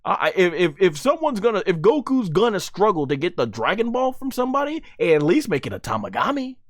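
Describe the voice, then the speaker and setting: Animated man hyping anime fights. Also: high-pitched, brisk, no room sound, studio quality. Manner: hyped wrestling-style banter, frequent stammered restarts. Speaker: YouTube anime commentator. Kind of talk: excited anime fight commentary.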